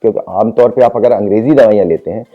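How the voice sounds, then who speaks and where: A man speaking as the doctor guest on a talk show, explaining calmly and repeating reassurances. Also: fairly low pitch, fast. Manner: calm advising, repeats reassurances. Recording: phone-like narrow band.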